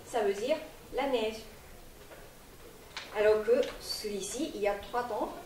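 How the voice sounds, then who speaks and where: A woman with a somewhat high voice leads a language class at a festival, speaking very slowly and repeating each word for students to say back. She sounds far from the mic, in a reverberant hall with an audience murmuring around her. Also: darkish tone, a little hiss or hum. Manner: slow, repeats words for the class to echo. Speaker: Japanese language teacher. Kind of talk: live classroom teaching.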